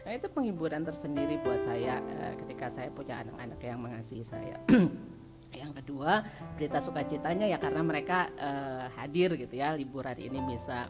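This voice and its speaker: A woman's voice: rumbling low, lively intonation, a little fast, over music. A chatty middle-aged woman giving a personal testimony at a church service, laughing often and filling her talk with small tags. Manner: chatty, laughs often while telling stories; many fillers like "gitu ya".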